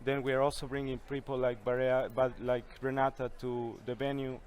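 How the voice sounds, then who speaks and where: This young adult guest from Ecuador, founder of a youth climate coalition, answers interview questions conversationally amid a busy conference venue. He speaks earnestly with a few restarts, in a mid-range, flat, a little mellow voice at a slightly fast pace.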